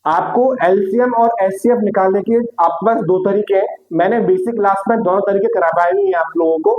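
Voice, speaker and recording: A man's voice: high-pitched, lively intonation, a little fast, narrow, tinny audio. A young adult man teaching a maths lesson online, repeating questions and answers and calling students "beta".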